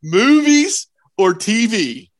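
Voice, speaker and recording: A man hosting a casual talk show, upbeat and playful as he asks quick questions. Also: high voice, big pitch swings, no room sound. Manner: upbeat, playful quiz asker. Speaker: host.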